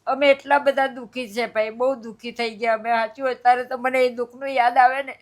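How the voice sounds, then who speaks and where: A woman's voice: on the high side, fairly even intonation, fairly quick. An older woman, crying as she tells of her hardships in an interview, pleading and repeating herself. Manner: tearful, pleading, repetitive. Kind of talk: emotional personal account.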